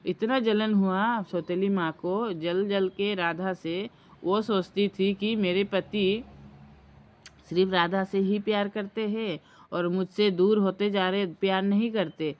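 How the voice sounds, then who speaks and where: A woman vlogger casually telling a folk story, hesitant and full of fillers and restarts. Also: mid-range voice.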